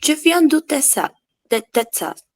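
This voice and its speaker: A woman slowly reading out French grammar rules and example sentences in a deliberate, drawn-out manner. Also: high voice, big pitch swings.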